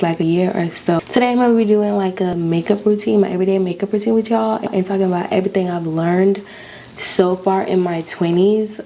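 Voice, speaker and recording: A woman's voice: mid-range voice, warm tone, slight background noise. A woman in her early twenties with an American accent and a slight lisp, chatting casually to viewers as she vlogs. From Florida, United States. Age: early 20s. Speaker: YouTuber, beauty vlogger. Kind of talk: casual chatty vlog while doing makeup.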